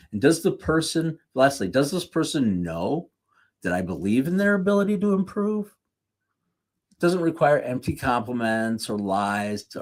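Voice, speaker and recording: A husky, low-voiced man with a darkish tone preaches at a live church series. His conversational sermon is off-the-cuff, with jokey asides, and he corrects himself mid-sentence.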